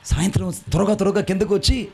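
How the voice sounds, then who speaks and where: A man preaching a fervent sermon, telling his own story and rising into shouts and chanted phrases. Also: high voice, steady tone, fast, vocal fry, slight background noise. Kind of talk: sermon with personal testimony.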